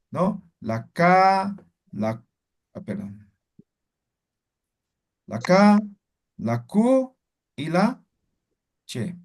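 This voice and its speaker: A man teaching a language class, explaining sounds and demonstrating them aloud, checking in often with short questions. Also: fairly high pitch. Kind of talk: online language lesson.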